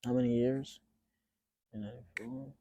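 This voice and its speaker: A man in his twenties, born in Tanzania, speaking as an interview guest in a relaxed, halting way with many fillers and restarts. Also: mid-range voice, no room sound. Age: 20s. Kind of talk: casual interview.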